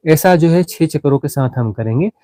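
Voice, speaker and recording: Mellow-voiced meditation teacher. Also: male voice, a little high, expressive, dry recording, poor audio. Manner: unhurried explaining with many restarts and fillers. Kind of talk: guided meditation talk.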